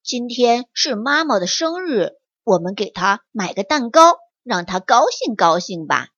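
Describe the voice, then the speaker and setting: A steady eldest mouse brother from a bedtime storybook, as a woman puts him on, talking slowly and calmly in a lowered voice. The sound is dry and a little dull. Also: no echo, full character voice. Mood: earnest. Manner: calm, reassuring. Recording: dry, slightly muffled.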